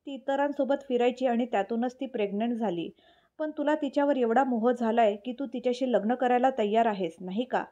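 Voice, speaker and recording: A spiteful mother with a sneering, contemptuous way of speaking, read by a woman narrator. Her voice is mellow and pitched a little high. The recording sounds dull and lo-fi. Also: fairly quick, lightly acted. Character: scornful, spiteful older mother.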